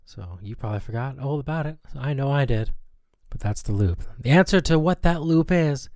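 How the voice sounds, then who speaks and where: A man hosting a comedy radio sketch in a dry, close recording. He sounds exasperated and sarcastic, with an ordinary middle pitch. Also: lively intonation, moderate pace, a little mellow, no echo. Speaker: radio host.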